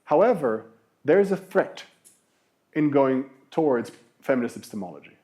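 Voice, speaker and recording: A man's voice: medium pitch, sing-song, moderate pace, warm tone. A man giving a university philosophy lecture, explaining with rhetorical questions and emphatic repetition. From Brazil.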